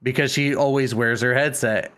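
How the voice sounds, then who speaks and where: A man's voice: mid-range voice, moderate pace. Rambling, foul-mouthed podcast host man. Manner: rambling, animated, swears freely. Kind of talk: casual storytelling chat.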